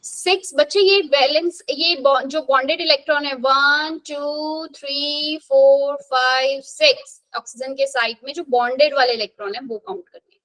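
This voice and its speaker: High-voiced woman teaching chemistry. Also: steady tone, a bit bright, poor audio. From India. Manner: brisk, questioning students, counting aloud. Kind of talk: live classroom revision lesson.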